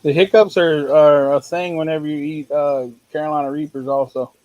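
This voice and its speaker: A man's voice: on the high side, steady tone, normal speed, a little mellow, no echo, muffled recording. Laconic man with a dry close voice. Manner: laconic, short dry replies. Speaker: co-host. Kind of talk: casual chat on a live stream.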